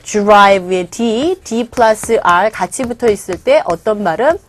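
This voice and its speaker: A woman teaching English in an online lesson, explaining lively and reading example phrases slowly. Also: medium pitch.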